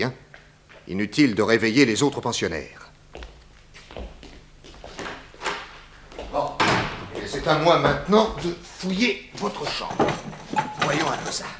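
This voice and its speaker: An actor plays the cocky, excitable private eye of a 1960s French radio comedy serial, theatrically and comically hesitant as he tells of his case. His slightly high, exaggerated voice sounds brisk and commanding, with a little hiss or hum in the recording.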